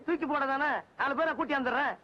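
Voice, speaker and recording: A man playing a wisecracking comic helper who answers with puns and quick quips, from a noisy old film soundtrack. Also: extremely high pitch, fairly even intonation. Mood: joking. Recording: dull old film audio with loud noise.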